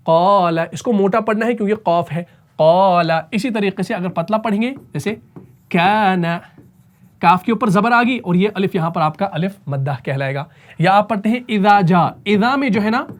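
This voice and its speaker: A man teaching Quran recitation rules in a slow, deliberate way. He keeps checking that his students follow and demonstrates long, drawn-out recited vowels. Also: high voice. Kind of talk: tajweed lesson explanation.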